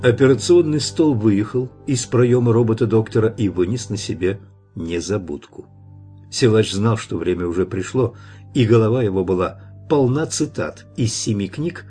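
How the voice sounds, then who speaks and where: A man reading a dark fantasy audiobook in measured, dramatic scripted narration. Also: fairly low pitch, husky.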